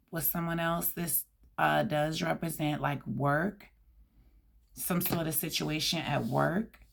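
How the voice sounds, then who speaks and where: Low, gravelly hoarse woman reading tarot. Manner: reads card meanings aloud with chatty asides. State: hoarse, scratchy voice. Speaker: tarot reader. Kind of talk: tarot card reading, casual address to viewers.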